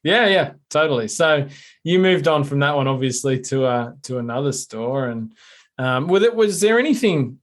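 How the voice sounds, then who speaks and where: A man's voice: mid-range voice, lively intonation, moderate pace. Upbeat male podcast host. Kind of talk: casual interview and scripted promo read.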